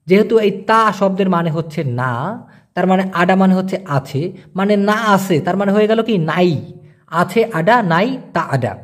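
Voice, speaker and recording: A young man giving a casual spoken language lesson, explaining patiently and repeating each word slowly. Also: high voice, expressive. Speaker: language teacher.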